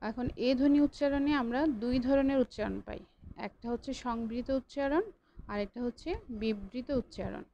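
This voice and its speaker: Female lecturer, higher-pitched voice, patient online class delivery with self-corrections, faint background hum. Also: normal speed, gravelly, mellow, dull audio. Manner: patient, repeats points, corrects own slips. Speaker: college lecturer.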